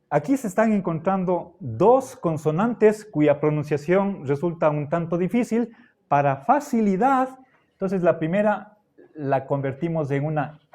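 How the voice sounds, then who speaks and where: A middle-aged man gives a classroom lecture, his voice sitting a little high. He talks very slowly and patiently. He keeps pausing to check that the students are following. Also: darkish tone. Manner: slow, patient, checks in with frequent "¿sí?" and "¿ya?". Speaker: philosophy teacher.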